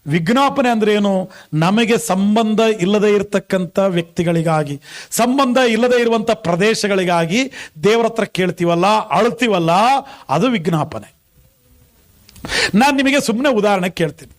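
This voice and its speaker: A man's voice: sits high, expressive, measured pace. A male pastor preaching a sermon with a Kannada accent, asking the congregation many questions and calling out hallelujah.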